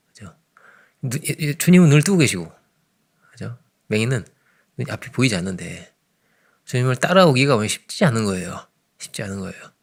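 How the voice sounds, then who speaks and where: A man preaching an early morning sermon in a conversational way, often checking in with the congregation and swinging between loud emphasis and hushed asides. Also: medium pitch, creaky. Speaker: pastor.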